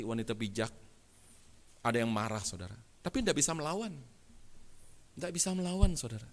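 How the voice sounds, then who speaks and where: A man preaching a sermon as pastor, calling his listeners "saudara" and swinging from soft asides to loud emphatic peaks. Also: medium pitch. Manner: acts out dialogue in retold anecdotes.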